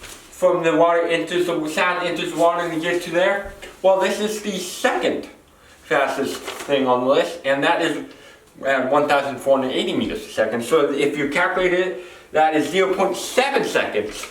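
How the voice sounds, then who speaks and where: In a big, echoey warehouse, a man speaking a little high at a moderate pace presents an off-the-cuff explainer, wandering, repeating himself and self-correcting. The mic is distant, with faint background noise.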